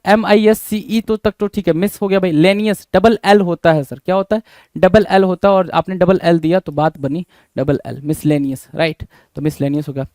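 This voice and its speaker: A male teacher spells words aloud letter by letter and keeps asking his students questions, then answers them himself. His voice sits a little high and sounds smooth and crisp, recorded dry and close. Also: a little mellow, dry recording. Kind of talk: spelling lesson.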